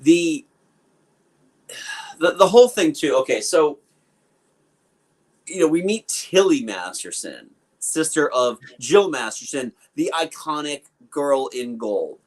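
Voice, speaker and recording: He's a male podcast co-host casually chatting about a film, full of fillers and opinions as he riffs. His higher-leaning voice is sing-song and slow, with long pauses.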